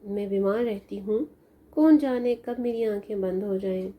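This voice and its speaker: A woman voicing an ailing old mother who gently consoles her daughter in a storybook tale. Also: medium pitch, moderate pace, close to an everyday voice. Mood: tender.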